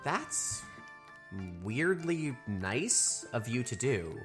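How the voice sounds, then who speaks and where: A woman's voice: rumbling low, sing-song, extremely slow, soft background music, heavily acted. An actress playing a puzzled young woman questioning her friend.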